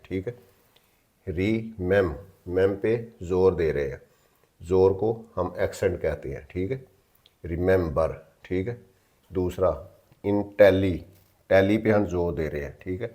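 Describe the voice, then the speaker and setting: With a low, mellow voice, a man gives a patient English grammar lesson in mixed Hindi-Urdu and English. He repeats points, spells words out letter by letter, and keeps checking in with his listeners.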